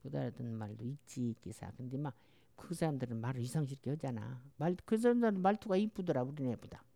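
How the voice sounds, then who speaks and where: A woman's voice: a bass voice, animated, fast talker, vocal fry, dark tone, dry recording. An older woman from Jeolla with a strong Jeolla dialect, chatting in a rambling, storytelling way as an interviewee. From Jeolla, Korea. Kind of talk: casual chat.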